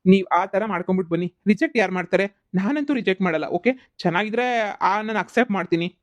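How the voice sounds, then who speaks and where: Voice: medium pitch, quick pace, close to an everyday voice. A voice actor playing a strict young male businessman who lectures and rejects a seller's product. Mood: firm. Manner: stern, lecturing, ends lines with "okay?". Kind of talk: cartoon voice acting.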